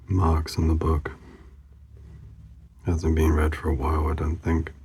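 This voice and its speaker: A man's voice: very deep voice, dark tone, breathy edge. A man hosting a drawing channel, mumbling casual commentary to himself as he sketches, rambling with lots of fillers.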